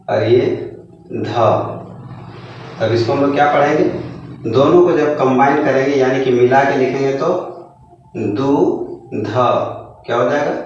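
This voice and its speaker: A man teaching a beginner lesson, slowly sounding out syllables and asking and answering his own questions. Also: medium pitch, darkish tone, slight background noise. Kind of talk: Hindi literacy lesson. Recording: distant echoey lo-fi room sound.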